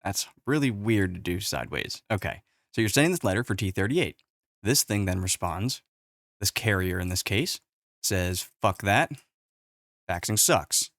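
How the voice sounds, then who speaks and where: A man's voice: sits low, animated, moderate pace, gravelly, fairly bright tone, dry recording, clean studio sound. A man casually explaining tech on a whiteboard, exasperated and profane, recorded on a webcam. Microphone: webcam with face overlay.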